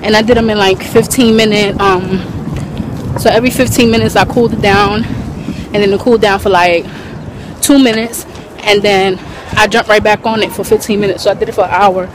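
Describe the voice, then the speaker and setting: A young woman from New talks into her handheld phone as she walks down a city street, easy and slangy, laughing often. Her pitch sits in a middling range. Clear traffic and street noise run behind her. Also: fairly even intonation, brisk. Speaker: vlogger. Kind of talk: casual chat. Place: walking outdoors on a city street.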